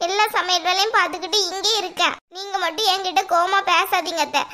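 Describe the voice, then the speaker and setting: A woman voicing a meek, very high, bright daughter-in-law. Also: fairly even intonation, quick pace. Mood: pleading. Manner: pleading, tearful. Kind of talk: cartoon voice acting.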